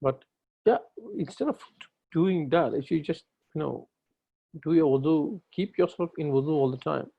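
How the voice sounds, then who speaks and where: A man's voice: fairly high pitch, normal speed, vocal fry, husky. A man teaching a religious class online, patiently answering students and correcting their pronunciation. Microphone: video call. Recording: lo-fi online call audio.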